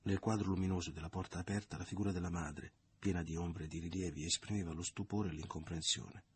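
A man narrating a novel in a measured, literary audiobook reading. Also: deep voice, steady tone, breathy edge.

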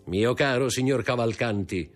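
A man's voice: mid-range voice, normal speed, soft background music, pitched above the performer's own voice, natural voice. A man voicing a sly, eager young schemer.

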